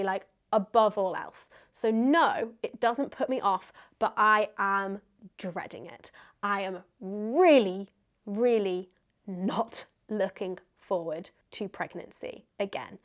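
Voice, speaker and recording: Woman doing a chatty q&a vlog, mid pitch, candid, kinda thinking out loud. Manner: candid and conversational, thinking aloud. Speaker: video host answering viewer questions. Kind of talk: casual chatty question-and-answer vlog.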